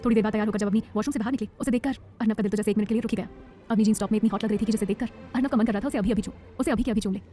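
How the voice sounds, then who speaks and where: A woman narrating a romance audiobook in a rapid, dramatic storytelling style. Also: mid-range voice, fairly even intonation, mellow, soft background music.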